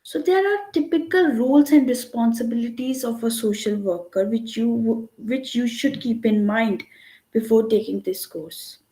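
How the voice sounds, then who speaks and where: At a moderate pace, a woman with a mellow voice on the high side delivers an online lecture. She explains things at length, checking in with "right?", and her computer mic on the video call picks up an echoey room.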